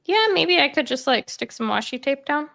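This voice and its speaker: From bed at home, a slightly congested woman hosts a rambling, filler-heavy chat about hobbies. She has a high-pitched, expressive voice that's creaky and a bit bright, moving at a moderate pace.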